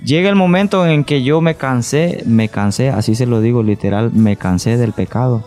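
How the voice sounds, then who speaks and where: A man's voice: medium pitch, moderate pace, darkish tone, faint music behind. A man giving an earnest testimony, repeating phrases and acting out what people told him. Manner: earnest, repeats phrases, acts out quoted dialogue. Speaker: guest giving a personal faith testimony. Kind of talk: emotional testimony storytelling.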